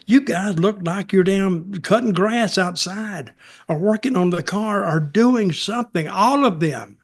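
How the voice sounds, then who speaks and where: Unhurried and high-pitched, this podcast co-host and wrestling commentator shares offhand opinions. His style is folksy, sarcastic, and blunt.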